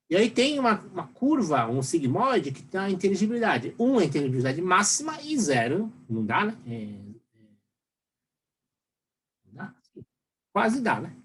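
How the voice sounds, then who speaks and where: A Brazilian professor giving a recorded lecture, rambling and tagging questions onto most sentences. His pitch swings widely as he explains, and a faint hiss of background noise sits under his voice. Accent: Brazilian Portuguese. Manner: rambling, full of fillers and tag questions. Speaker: university professor.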